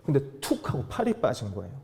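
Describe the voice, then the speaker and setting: Animated male lecturer, lively pitch. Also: fast talker, vocal fry. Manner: animated, acts out quoted dialogue. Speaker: lecturer at a fathers' class. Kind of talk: storytelling lecture.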